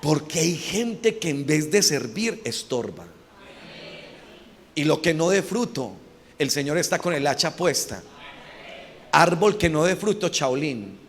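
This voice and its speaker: A man with a gravelly, somewhat high voice preaches a sermon, jumping from shouted peaks to hushed asides and asking the congregation to repeat his lines. His voice rings with long reverb in a church hall over a faint background hum. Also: big pitch swings, measured pace, long pauses. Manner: swings between loud shouted peaks and low quiet asides; asks the congregation questions and has them repeat lines. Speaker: pastor.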